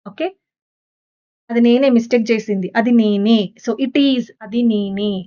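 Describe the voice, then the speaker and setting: A woman's voice: on the high side, steady tone, unhurried, dark tone, highs cut off. A woman English teacher with a Telugu accent, explaining exam questions step by step and answering her own questions. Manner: mixes English terms into Telugu speech. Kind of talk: exam-prep lesson.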